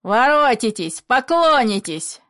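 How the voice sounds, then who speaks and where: A woman doing a shouting bitter old father. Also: mid-range voice, slow, no room sound, studio quality, close to an everyday voice. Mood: angry. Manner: furious shouting. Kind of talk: play reading.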